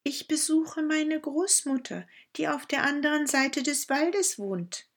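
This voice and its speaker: A woman's voice: sits high, measured pace, voice pushed up. A woman voicing a trusting little girl in a fairy tale, asking wide-eyed questions in a raised voice. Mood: innocent.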